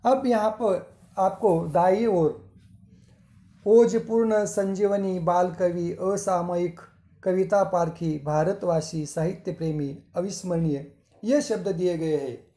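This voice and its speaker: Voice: medium pitch, takes it slowly, mellow, reverberant. A school teacher giving a recorded Hindi grammar lesson, reading word lists aloud one by one and adding short English glosses. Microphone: screen-recording voice-over.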